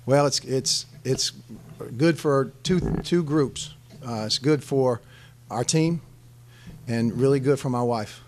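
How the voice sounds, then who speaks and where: A man's voice: medium pitch, takes it slowly, a little mellow. A middle-aged man, a head basketball coach, answering press conference questions emphatically, often restarting and repeating his phrases into a desk microphone. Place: press conference room, seated at table. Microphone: desk microphone on stand.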